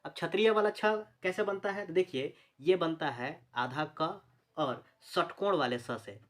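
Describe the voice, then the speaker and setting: A man's voice: on the high side, measured pace, fairly bright tone. Man teaching Hindi phonetics, quizzing listeners. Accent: Chhattisgarhi Hindi. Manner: repeats terms and quizzes the viewer with questions. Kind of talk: exam-prep phonetics lesson.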